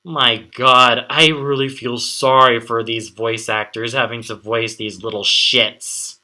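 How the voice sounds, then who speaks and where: Slow, bright-voiced ranting male reviewer. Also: medium pitch, level tone. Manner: exasperated, sarcastic, swears often. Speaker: film reviewer.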